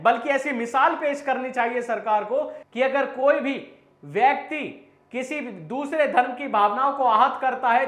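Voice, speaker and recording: A man's voice: extremely high pitch, a bit bright, roomy sound. A man giving an impassioned political commentary to camera, rousing and full of rhetorical questions, formally addressing his listeners as "sir".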